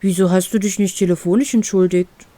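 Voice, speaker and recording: A woman reading aloud and voicing a big, gentle male talking bear who speaks directly and skeptically to his friend. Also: medium pitch, fairly even intonation, brisk, close to an everyday voice. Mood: skeptical, calm.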